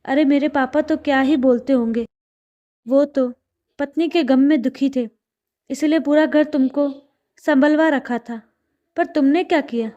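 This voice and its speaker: A woman's voice: high voice, unhurried, pauses often, highs cut off. A woman reading a greedy, accusing sister-in-law. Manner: accusing, loud.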